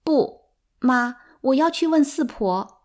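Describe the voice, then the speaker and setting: Lady reading as a little girl in a storybook, high and pleading, easily brought to tears. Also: normal speed, a little mellow, lightly acted. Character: little girl, eager and tearful.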